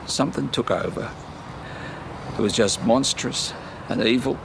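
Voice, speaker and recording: An actor playing a remorseful Australian father haunted by his violent crime, speaking haltingly and with a heavy heart in a television drama. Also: medium pitch, vocal fry, background noise. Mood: remorseful, pained. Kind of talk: naturalistic television drama acting.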